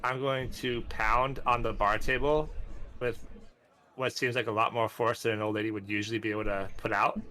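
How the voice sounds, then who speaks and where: A man's voice: on the low side, level tone, normal speed, sharp tone. A man talking casually as a player in a tabletop role-playing game.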